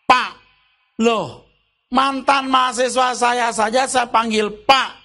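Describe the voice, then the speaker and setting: A man's voice: extremely high pitch, fairly even intonation, slow, pushed and bright, faint music behind. A man pastor preaching a sermon in a loose, colloquial way, tossing rhetorical questions at the congregation.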